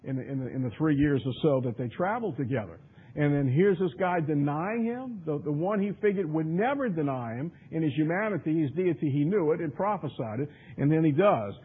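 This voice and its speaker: A man teaching a Bible study, with a slightly higher-pitched, husky voice. He moves between reading old scripture and chatting loosely about it, full of "you know" and restarts. The sound is thin and tinny, like a phone-line radio broadcast. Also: expressive, a little fast. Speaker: preacher. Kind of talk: expository Bible study sermon.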